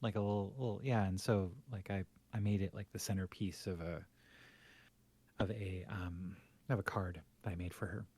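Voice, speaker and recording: A man's voice: low-pitched, fairly even intonation, moderate pace, darkish tone. A middle-aged man co-hosting a podcast, telling family stories in casual chat with lots of restarts and laughter. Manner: rambling with many restarts and laughs. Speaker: podcast co-host.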